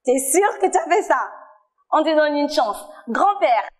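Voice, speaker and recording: A woman teaching a children's church lesson, leading a sign language game with slow, encouraging words and frequent praise. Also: sits high, lively intonation. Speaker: children's Sunday school teacher. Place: church TV studio.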